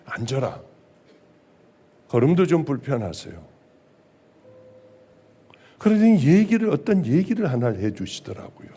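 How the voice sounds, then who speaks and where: A middle-aged male pastor preaching a sermon, emphatic, swinging from loud exclamations to hushed, quiet lines. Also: fairly high pitch, big pitch swings, moderate pace, pauses often, breathy edge.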